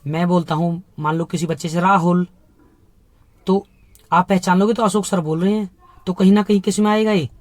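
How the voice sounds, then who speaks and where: Man teaching in an emphatic, higher voice. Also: steady tone, fairly quick, a little mellow, dry recording. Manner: explains in Hindi mixed with English terms, asks rhetorical questions; emphatic, repeats key points. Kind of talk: exam prep lecture.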